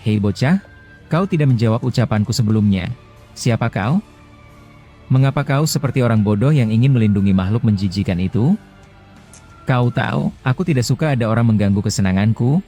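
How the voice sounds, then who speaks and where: A man's voice: mid-range voice, animated, fairly quick, long pauses, mellow, soft background music. A man voicing an arrogant, menacing, taunting male ninja warrior in anime fan-story dialogue. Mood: contemptuous.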